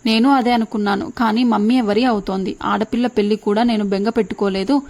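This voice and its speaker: A woman's voice: medium pitch, fairly even intonation, brisk, a little mellow, natural voice. A woman voicing a playful, teasing young woman who ribs her brother in an audiobook reading. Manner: chatty, teasing.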